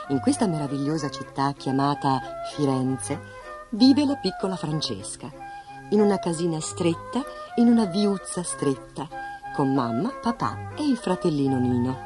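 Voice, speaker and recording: Woman narrator for children's story, lively rising-and-falling delivery, lowish voice, music bed underneath. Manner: expressive, sing-song reading. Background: soft background music.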